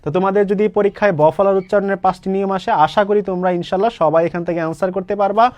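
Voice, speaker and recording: A young Bangladeshi teacher runs a grammar lesson for exam students, his high, darkish voice captured dry and close with no room sound. He races through it in a flat delivery yet explains patiently point by point, often asking a question and answering it himself.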